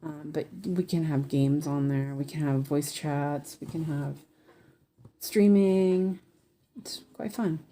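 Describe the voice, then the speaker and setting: A woman hosts a relaxed craft livestream in a low, soft-edged voice. She talks slowly, meandering as she thinks aloud. Her lisp gives the s sounds a slushy, sh-like edge. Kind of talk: casual livestream chat while stitching.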